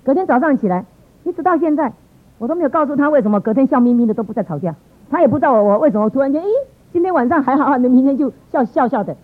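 A woman's voice: high-pitched, racing. Middle-aged woman telling her story, tinny sound. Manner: lively, exclamatory, laughs often. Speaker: church member giving a testimony. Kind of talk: personal testimony storytelling.

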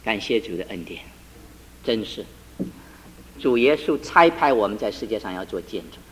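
A man's voice: lowish voice, lively intonation, moderate pace, low-quality recording. A man preaching a sermon, retelling a couple's conversation and building to emphatic climaxes. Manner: retells the couple's dialogue with shifting tones, rising to emphatic climaxes. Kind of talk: sermon with a told story.

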